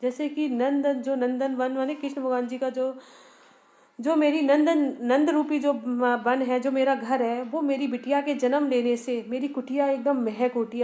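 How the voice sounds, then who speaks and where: A woman's voice: high voice, warm tone. A woman teaching a Hindi poem to students. She asks them questions and answers them herself, and she repeats and rephrases lines with small restarts. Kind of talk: poem explanation lesson for students.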